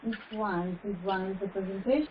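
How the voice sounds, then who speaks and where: A woman's voice: medium pitch, brisk. A woman presenting a project, heard over a video call and checking that others can see her shared screen. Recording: muffled video call line with clear background noise and clicks.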